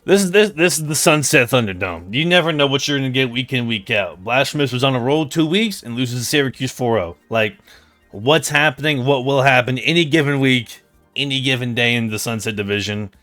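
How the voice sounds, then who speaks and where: A man's voice: medium pitch, a little fast, sharp tone, no echo, faint music behind. A man co-hosting casual commentary, playful and enthusiastic. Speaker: co-host.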